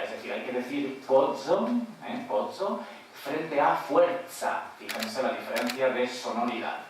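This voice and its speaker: A man with a mid-range voice gives a conference presentation as a panelist at an academic round table, explaining his points and tagging them with "¿eh?" and "muy bien". He's in a large auditorium, and the recording is echoey, distant, and faintly noisy.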